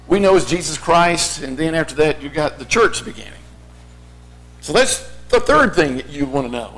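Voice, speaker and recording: High-pitched man preaching. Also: fairly bright tone, low-quality recording. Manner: explanatory, rhetorical questions in imagined listeners' voices. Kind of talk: sermon, teaching Bible basics point by point.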